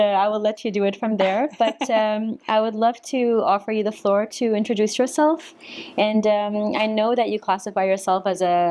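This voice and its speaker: A woman hosting a talk event, introducing her guest with hesitant uhs and ums. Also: mid-range voice. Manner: warm, hesitant, uh and um fillers. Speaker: host.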